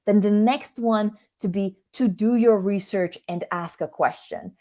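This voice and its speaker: A woman with a warm, medium-pitched voice and measured pace hosts an online coaching workshop as a career coach. She's from Russia and a native Russian speaker, and she keeps it informal and conversational, frequently breaking off mid-thought to check in with listeners.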